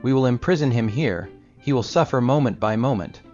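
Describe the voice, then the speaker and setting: A man's voice: medium pitch, brisk, natural voice. A man voicing menacing, mocking village bullies who threaten the old man. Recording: slightly dull recording with soft music.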